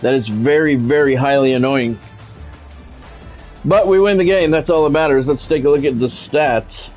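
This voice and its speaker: This man speaks at medium pitch with lively intonation, a darkish tone and normal speed, with soft music in the background. He calls a football video game live, slipping in blunt, salty, conversational asides between the play-by-play and casual chat.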